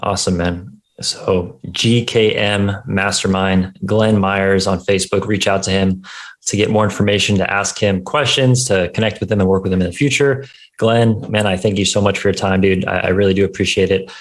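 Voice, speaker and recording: A man's voice: sits low, fairly even intonation, moderate pace. A man hosting an interview show, talking in an informal, conversational way. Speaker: show host. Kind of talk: casual interview chat.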